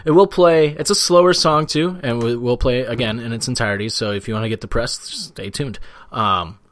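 A man's voice: mid-range voice, fairly quick, fairly bright tone, dry recording. A man co-hosting a podcast in casual chat, loose and profane, laughing easily. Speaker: podcast co-host.

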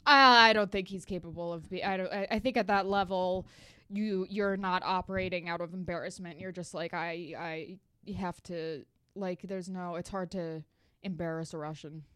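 A woman's voice: lowish voice, steady tone, moderate pace, sharp tone, smooth, dry recording. A woman comedian with an Eastern European accent, chatting casually on a podcast and often restarting her sentences. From Los Angeles, United States. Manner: rambling, restarts mid-sentence, laughs easily. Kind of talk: casual chat.

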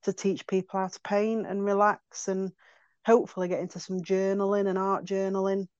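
A friendly, relaxed woman guest, an artist, chatting about herself. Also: medium pitch, moderate pace, clear, resonant tone, no echo. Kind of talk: casual chat. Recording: dull phone call.

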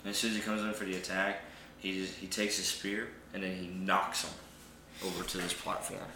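A man with a lowish voice narrates a tabletop game as game master, relaxed and quick to laugh. The recording is roomy and echoey, with a steady bed of noise behind him. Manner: easygoing, laughs often. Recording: echoey room with background noise.

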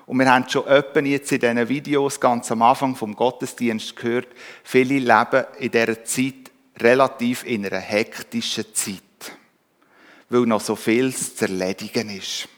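A man with a Swiss German accent preaching a calm, reflective sermon in a church. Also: medium pitch, normal speed. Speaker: pastor. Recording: reverberant church hall.

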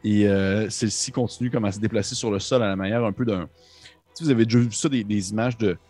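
A man's voice: on the low side, fast talker, darkish tone, faint music behind. A man, narrating a tabletop game as game master in a descriptive way, with frequent hesitations. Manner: descriptive, hesitant with many fillers.

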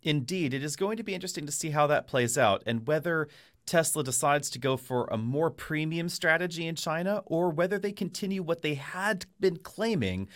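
A man's voice: medium pitch, fairly bright tone. A man speaking as a podcast commentator, giving conversational analysis in an explanatory, long-winded way. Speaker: automotive industry commentator on a podcast.

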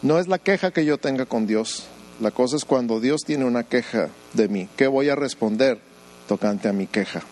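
A man pastor delivering a lively sermon. He peppers the congregation with rhetorical questions, slips into mocking voices of doubters, and throws in joking asides, all in a middle-pitched voice. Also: moderate pace, a little hiss or hum, poor audio.

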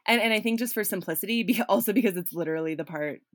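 A woman's voice: mid-range voice, rapid-fire, dry recording, studio quality. A woman hosting a podcast, talking casually with lots of "like" and "um" and frequent restarts. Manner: rambling, many fillers and restarts. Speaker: podcast host.

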